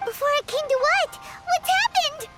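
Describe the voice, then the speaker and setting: A tiny floating fairy girl squeaks in a very high, childlike voice that leaps up and down as she exclaims and reacts to everything. She is excitable and a little greedy, and game music plays clearly behind her. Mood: puzzled. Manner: bouncy, exclaiming, quick to react. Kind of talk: video game dialogue.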